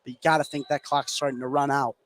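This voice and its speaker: Doing radio play-by-play of a live basketball game, this man talks quickly in a medium-pitched, slightly bright voice with little pitch movement. The clear gym noise of the game sits behind him.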